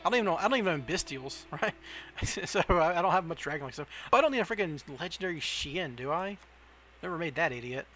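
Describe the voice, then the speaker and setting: A Southern American streamer from the southern United States plays a card game on a casual livestream, chatting, thinking aloud and second-guessing himself. His fairly high voice is animated and a bit bright, moving at a quick pace with faint music behind.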